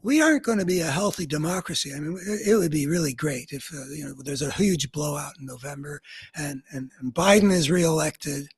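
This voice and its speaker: Husky earnest man musing. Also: on the high side, fairly quick. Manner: earnest, searching, thinks aloud in long winding sentences. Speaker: radio show host. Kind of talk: political commentary monologue.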